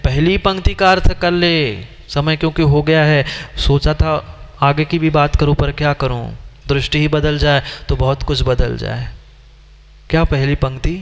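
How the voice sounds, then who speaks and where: Jain monk preaching in echoing hall. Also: male voice, on the high side, fairly even intonation, moderate pace. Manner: questioning, scolding and teaching the audience directly. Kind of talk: sermon. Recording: long hall reverb.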